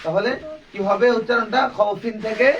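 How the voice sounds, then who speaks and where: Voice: mid-range voice, fairly even intonation, brisk, far from the mic, lo-fi sound. A Quran recitation teacher giving a classroom lesson, drilling the students with repeated questions and call-and-response.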